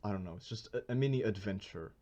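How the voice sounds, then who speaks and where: A man's voice: lowish voice, quick pace, dark tone, highs cut off. A man co-hosting a podcast, telling a long story in casual chat, full of fillers, restarts and bursts of laughter. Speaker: podcast co-host.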